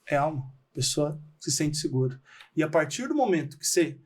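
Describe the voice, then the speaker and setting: Lively Brazilian man explaining with energy. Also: on the high side, a little fast, slightly rough. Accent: Brazilian Portuguese. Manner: animated, explanatory, acts out quoted dialogue. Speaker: podcast guest, real estate trainer. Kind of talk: casual podcast conversation.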